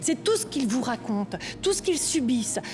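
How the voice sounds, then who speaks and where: A woman with a high voice speaks as a panel lawyer. She explains formally and with emphasis. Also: very animated, normal speed, noisy background.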